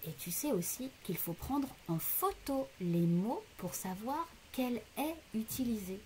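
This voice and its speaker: A woman's voice: fairly high pitch, animated, unhurried, warm tone, a little hiss or hum. A woman teacher giving a recorded lesson to young children, patiently breaking words into syllables and speaking to the child directly. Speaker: primary school teacher.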